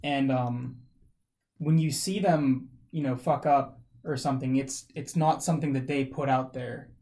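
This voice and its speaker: A man's voice: medium pitch, measured pace, warm tone. A man co-hosting a podcast, talking casually and rambling with many fillers and restarts. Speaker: podcast co-host. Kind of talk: casual chat.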